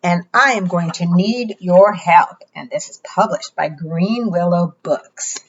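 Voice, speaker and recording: A woman speaking like a kids' show host, reading a preschool storytime in a sing-song, expressive way and coaxing small children with questions. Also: lowish voice, unhurried, dull audio. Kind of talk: preschool storytime read-aloud with rhymes and counting.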